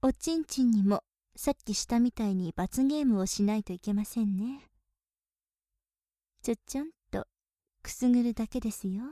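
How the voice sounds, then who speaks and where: A young woman voicing a polite, playful maid who teases her young master, with soft giggles and whispered passages, recorded on a close microphone. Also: a little high, normal speed, pauses often, no echo, lightly acted. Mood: teasing. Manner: polite, softly teasing, with breathy giggles. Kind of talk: whispered role-play.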